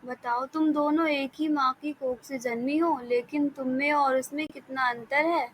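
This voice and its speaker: A woman voicing a stern, sharp-tongued middle-aged mother-in-law in a cartoon story, speaking in a blunt, scolding way. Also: high-pitched, steady tone, moderate pace, slight background noise, close to an everyday voice, low-quality recording. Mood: complaining.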